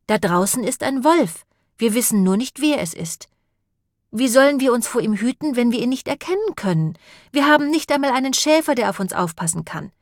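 A woman's voice: mid-range voice, lively intonation, normal speed, dry recording, close to an everyday voice. A woman voicing a clever, determined female sheep detective in an audiobook, speaking with earnest insistence in a dry recording. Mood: angry. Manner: earnest and insistent, rising to anger. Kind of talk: audiobook character voice.

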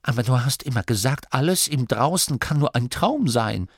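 A man's voice: on the high side, big pitch swings, extremely slow, vocal fry, darkish tone, no room sound, clean studio sound, pitched above the performer's own voice, exaggerated voice. A man voicing a timid, anxious male gnome who pleads hesitantly.

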